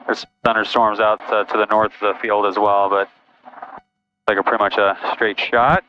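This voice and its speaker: A man talking as a pilot, casually narrating a flight in a halting, matter-of-fact way. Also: fairly low pitch, little pitch movement, pushed and bright. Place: small airplane cockpit in flight. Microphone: aviation headset. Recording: dull, noisy aircraft cockpit intercom. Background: engine noise, radio.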